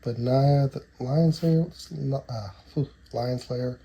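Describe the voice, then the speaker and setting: A man in his thirties, stuffy and nasal from a cold, opens booster boxes of trading cards, reading the card names aloud and rambling through casual asides. His voice is mid-range and slow. The lo-fi recording is noisy with card shuffling and clicks.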